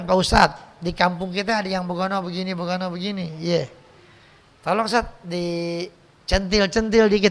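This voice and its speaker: A man's voice: sits high, gravelly, a bit bright. A man with a Jakarta Betawi accent teaching a mosque study circle in a casual, joking way, reading Arabic text and then explaining it in slangy everyday speech. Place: mosque hall.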